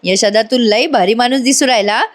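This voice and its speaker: A woman's voice: on the high side, fairly quick, lightly acted. A woman voicing a naive young man who asks question after question in a rustic, inquisitive way. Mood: curious.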